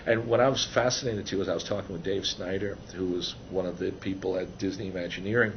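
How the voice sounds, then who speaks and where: An older author talks about his computer animation book in an interview, his low, steady voice moving at a quick pace. He speaks casually, restarting often and leaning on fillers. The recording sounds dull and slightly noisy.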